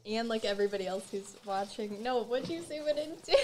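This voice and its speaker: A woman's voice: a little high, expressive, a little fast, a little hiss or hum. A young woman in her late teens co-hosting a student podcast, chatty and giggly as she reads short stories aloud. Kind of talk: casual chat, reading stories aloud.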